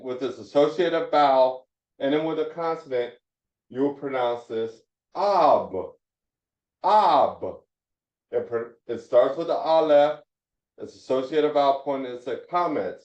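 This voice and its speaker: Slow man teaching a class, keeps repeating himself, roomy echo, kinda muffled. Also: mid-range voice, lively intonation, darkish tone. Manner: slow, repeats points, restarts mid-sentence. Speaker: Hebrew teacher. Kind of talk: classroom phonics lesson. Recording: echoey room, dull lo-fi sound.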